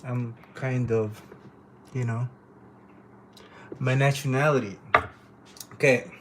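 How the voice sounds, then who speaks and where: Slow and fairly even in intonation, the same kind of mid-range voice comes from a Honduran-born painter, in Canada since he was twelve, who speaks natively. He hosts a livestream in an informal, rambling, profane way, against a noisy background.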